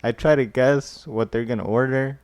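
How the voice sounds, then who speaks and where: A man's voice: mid-range voice, moderate pace, darkish tone, no echo. A man as podcast guest, talking laid-back with lots of filler words. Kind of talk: casual chat.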